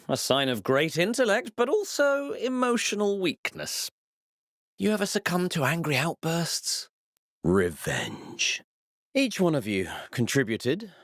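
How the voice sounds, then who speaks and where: Pompous, theatrical villain, sweeping intonation. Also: male voice, fairly high pitch, fairly bright tone, dry recording, clean studio sound, exaggerated voice. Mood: smug, mocking. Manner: theatrical, pompous, menacing, precise. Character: the Baron, arrogant male mad-scientist villain, cold and gloating. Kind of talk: video game villain dialogue.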